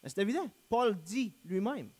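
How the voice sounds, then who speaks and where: A man's voice: high voice, sing-song, normal speed, a little mellow. A young man preaching a sermon as a guest pastor. He is earnest and emphatic, repeats refrains and sometimes corrects himself.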